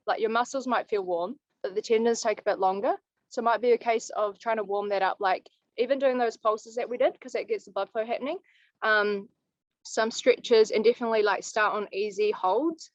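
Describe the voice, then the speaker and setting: A woman's voice: on the high side, no echo. Young New woman, laid-back coach fielding questions, muffled dry call audio. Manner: practical, easygoing advice-giving. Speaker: climbing coach. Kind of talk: live online coaching Q&A. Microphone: video call.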